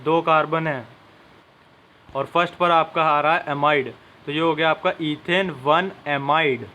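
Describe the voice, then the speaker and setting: With an unhurried, steady delivery, a young man teaches his students chemistry step by step, speaking to them directly in a classroom-style lesson. His fairly high voice is pushed and bright, and a faint hiss or hum can be heard.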